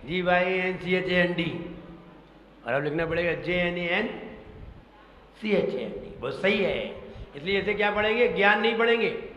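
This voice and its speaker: A man's voice: sits high, bright, forceful tone, lo-fi sound, slight background noise. A man gives a sermon on pronunciation. He repeats himself, quizzes his listeners and spells words out letter by letter. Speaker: Jain monk preacher. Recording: echoey hall with long reverb.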